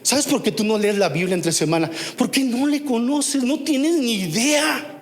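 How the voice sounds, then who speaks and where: High-voiced Mexican pastor preaching in a reverberant hall. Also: male voice, expressive, normal speed. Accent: Mexican Spanish. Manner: emphatic preaching with many rhetorical questions; swings from soft and low to loud and high. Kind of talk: sermon. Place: church hall.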